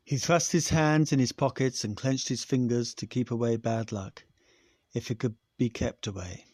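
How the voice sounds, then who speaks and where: A man's voice: mid-range voice, steady tone, normal speed, a little mellow, dry recording. Man reading a story, dry close sound. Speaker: podcast host and narrator. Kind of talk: reading a science fiction story aloud.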